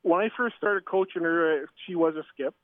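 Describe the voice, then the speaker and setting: A middle-aged man from Canada heard over the phone from a train, a curling coach and father giving a casual interview, halting with fillers and restarts. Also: a little high, no room sound. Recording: tinny phone line.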